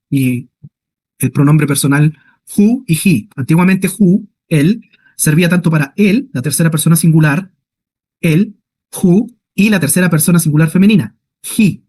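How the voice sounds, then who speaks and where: A man gives an online class lecture as a Hebrew teacher. His voice sits a little high, and he checks in often with his listeners. He slows down to read words out syllable by syllable. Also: a little mellow. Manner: explains slowly, asks "¿ya?" and "¿cierto?" often.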